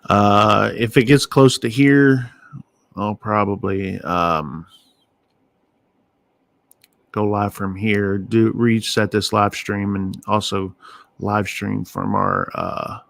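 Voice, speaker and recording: A man giving casual live weather radar commentary as an amateur streamer, thinking aloud in short, halting phrases. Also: on the low side, gravelly, fairly bright tone, dry recording. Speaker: amateur storm-watching livestream host.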